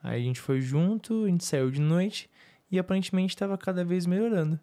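Relaxed Brazilian man chatting. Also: high-pitched, moderate pace. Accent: Brazilian Portuguese. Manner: relaxed, full of fillers. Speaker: preacher and vlogger. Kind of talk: casual storytelling.

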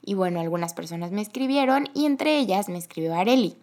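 Young woman, Mexican accent, chatty podcast host, animated storytelling. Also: mid-range voice. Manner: chatty, animated, quick bursts with laughter. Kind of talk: casual storytelling monologue.

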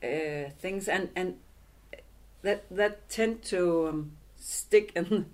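Language instructor, woman, middle-aged; unhurried, halting delivery with frequent restarts, sitting in an office. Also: fairly low pitch, darkish tone. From Greenland and Denmark. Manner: slow, halting, thoughtful with many restarts. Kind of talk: casual interview conversation. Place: office in a theatre building.

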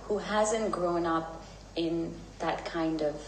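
A woman's voice: on the low side, slow pace, slight background noise. A woman hosting a podcast, asking a guest questions in an encouraging way. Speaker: podcast co-host. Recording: roomy sound with music underneath.

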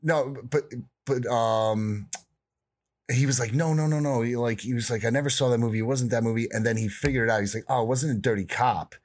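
A man in casual podcast chat who talks in loose, jokey runs full of "like". His voice sits at an ordinary pitch for a man. He keeps the tone easygoing. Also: steady tone, a little fast. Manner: chatty, joking, lots of "like" and laughter. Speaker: podcast co-host.

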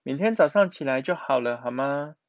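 A man's voice: medium pitch, lively intonation, normal speed, no room sound, highs cut off, close to an everyday voice. A man voicing a caring mother who coaxes her sick child in a soothing way. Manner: soothing, coaxing. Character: gentle, caring young mother.

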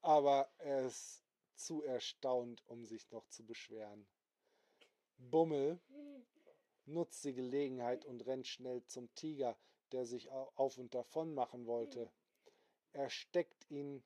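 A man improvising a bedtime story for children, gently and slowly, with sound effects along the way. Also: medium pitch, no room sound.

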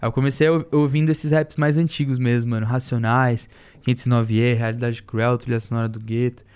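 A man's voice: medium pitch, level tone, a little mellow, clean tone. A young man, rapping his verse and then chatting casually on a podcast. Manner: fast rhythmic rap delivery with slang. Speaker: rapper guest.

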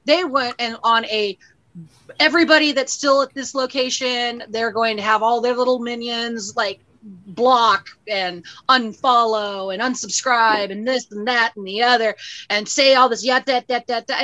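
Casting: blunt, profane woman guest, bright sharp voice, slightly high. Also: a little slow, dry recording, rough recording. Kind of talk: casual chat.

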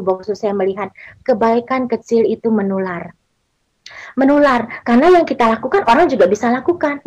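A woman's voice: on the high side, darkish tone, no room sound, rough recording. A middle-aged woman earnestly telling a personal story as an interview guest, often addressing the interviewer directly.

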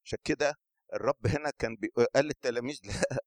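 An Egyptian man delivers a sermon in a middle-pitched voice. He keeps it lively, stops to question the congregation and slips into the voices of scripture. The sound is close and dry. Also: fast, dry recording. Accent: Egyptian Arabic. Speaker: preacher.

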